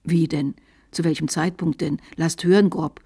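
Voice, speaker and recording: A woman's voice: medium pitch, normal speed, a little mellow, close to an everyday voice. Woman playing a frightened lisping bishop. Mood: fearful. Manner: anxious, murmuring, lisping. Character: frightened, bewildered male bishop.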